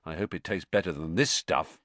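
A man's voice: sits low, brisk, fairly bright tone, dry recording, pitched below the performer's own voice. An injured teenage boy wizard, played by a man reading aloud speaks weakly and tiredly. The sound is dry and close. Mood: weary. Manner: weak, tired.

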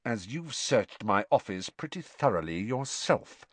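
A man's voice: lowish voice, sing-song, unhurried, no echo. A man acting Snape, cold hissing haughty professor. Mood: quietly dangerous. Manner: clenched, hissing, disdainful. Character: cold, haughty, sinister male potions professor.

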